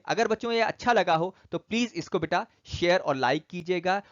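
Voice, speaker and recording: High voiced guy teaching physics, reads off topic lists to the kids, dry dull audio. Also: dry recording. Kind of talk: online syllabus lesson for students.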